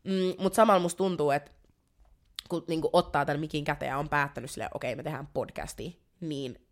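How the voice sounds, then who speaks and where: A young woman co-hosting a casual podcast, chatting and slipping into English phrases as she retells stories. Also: deep voice. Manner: mixes Finnish with English phrases, animated quoting. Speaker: podcast co-host.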